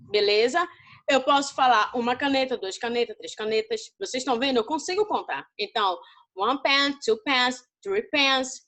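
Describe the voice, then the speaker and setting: A Brazilian woman teaching an English lesson to students, explaining slowly and often checking whether they understand. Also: high voice, fairly bright tone. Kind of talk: recorded class lesson.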